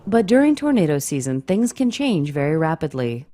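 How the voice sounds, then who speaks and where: A woman's voice: low voice, sing-song, normal speed, dark tone. A woman reading scripted documentary narration.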